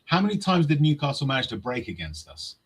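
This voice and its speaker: A man's voice: a little high, sing-song, fast talker, a little hiss or hum, poor audio. A man talking football tactics in casual chat, passionate and swearing freely.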